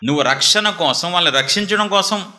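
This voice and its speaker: A man's voice: high-pitched, animated, a little fast, sharp tone. A man preaching a sermon with emphatic, scolding rhetorical questions.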